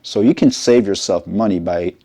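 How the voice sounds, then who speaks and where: A middle-aged man from Jamaica, a college educator giving a measured, explanatory advice talk and often checking in with his listeners. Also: deep voice, mellow. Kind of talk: informational advice talk to camera.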